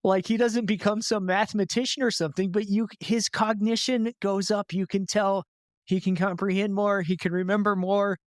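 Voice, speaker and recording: A man with a notably high-pitched voice talks in a loose, chatty way as a podcast guest, full of filler words and quick laughs. The sound is close and dry with almost no room tone. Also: steady tone, dry recording. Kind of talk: casual conversational interview.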